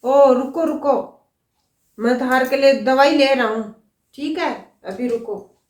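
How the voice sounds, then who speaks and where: A woman's voice: sits high, slow pace, a little mellow, roomy sound. A woman playing a fussing mother-in-law. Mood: caring. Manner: fussing, homely. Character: caring middle-aged mother-in-law, homely and fussing.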